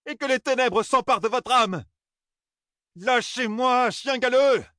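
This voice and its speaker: A man's voice: very high-pitched, measured pace, no echo, clean studio sound, voice pushed up, full character voice. A man putting on a furious young man hurling curses. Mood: furious cursing. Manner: shouting curses, indignant. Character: angry young man, cursing and defiant.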